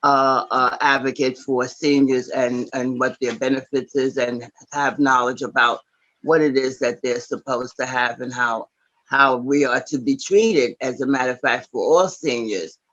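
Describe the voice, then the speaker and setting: An elderly woman in her eighties speaks earnestly through a dull, lo-fi video call line. She gives an award acceptance speech in a halting way, often pausing on fillers and restarting her words. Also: extremely low pitch, steady tone, a bit bright. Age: 80s. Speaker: award honoree.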